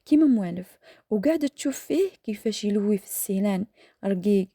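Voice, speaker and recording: A woman with an Algerian accent telling a dramatic story in a hushed, half-whispered voice while cooking, close to the mic. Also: medium pitch, expressive, fast talker, no echo. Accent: Algerian Arabic.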